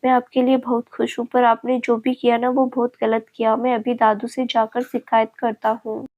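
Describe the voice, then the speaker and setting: A woman's voice: a little high, completely flat delivery, moderate pace, narrow, tinny audio, natural voice. A woman voicing a playful young man, the hero's cousin, in a storybook reading, teasing and chatty.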